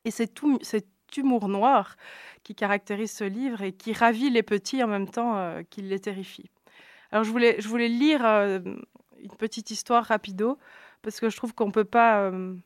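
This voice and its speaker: A woman's voice: mid-range voice, steady tone, moderate pace, no room sound. Woman, Belgian French accent, hesitant, many fillers, dry close sound. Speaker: radio book columnist. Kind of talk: casual radio book review.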